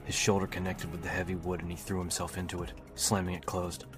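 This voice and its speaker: A man reading a novel aloud as an audiobook narrator, telling the story in a steady, even way. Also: deep voice, fast talker. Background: music.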